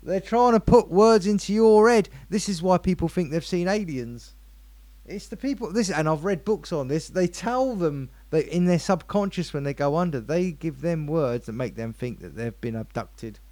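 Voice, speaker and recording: A man's voice: a little high, normal speed, no room sound. A man co-hosting a show, telling rambling, playful stories in casual chat. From England. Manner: rambling, animated, playful storyteller. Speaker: radio show co-host.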